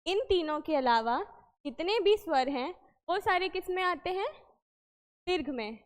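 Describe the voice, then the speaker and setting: A woman with a very high voice teaches an exam-prep Hindi lesson, explaining patiently, repeating points and asking the listener questions as she goes. Her voice rings with a long reverb, as if she were recorded in a large hall. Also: lively intonation, unhurried.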